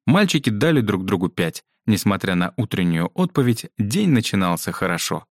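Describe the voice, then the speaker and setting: Lively low-voiced male storyteller. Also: normal speed, dry recording, studio quality. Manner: expressive, voices each character. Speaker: audiobook narrator. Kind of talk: children's book narration.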